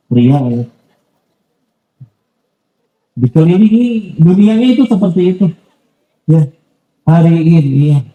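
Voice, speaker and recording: Animated man preaching in an echoey mosque. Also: fairly high pitch. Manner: casual and animated, lots of asides and polite apologies. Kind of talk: conversational sermon.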